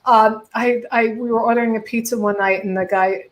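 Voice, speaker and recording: A woman hosting a casual chat with comedian friends, telling dark jokes. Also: on the high side, fairly even intonation, brisk, rough recording. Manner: dark-humored, joking. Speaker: host.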